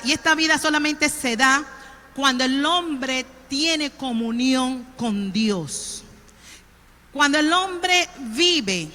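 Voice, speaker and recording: This high, sharp-toned woman's voice belongs to a pastor from Colón, Panama, whose Panamanian accent carries through the echo of a church hall. She delivers her sermon conversationally, frequently pausing to engage the congregation.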